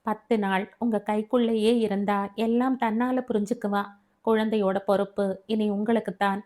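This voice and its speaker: A woman's voice: mid-range voice, fairly even intonation, moderate pace, a little mellow, lightly acted. A woman voicing a hurt young mother who speaks coldly and commandingly. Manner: cold and commanding.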